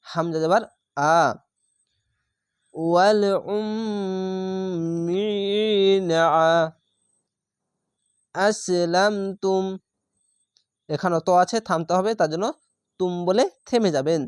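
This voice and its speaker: A man's voice: sits high, brisk, no echo, clean studio sound. A man teaching Quran reading, spelling out each word syllable by syllable, stretching the vowels and repeating them patiently before explaining the rules.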